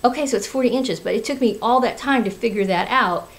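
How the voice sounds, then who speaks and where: A woman's voice: a little high, fast, low-quality recording. Chatty woman hosting a craft vlog. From Florida. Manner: chatty and candid, many fillers and restarts. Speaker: craft podcast host; teacher. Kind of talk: casual video chat.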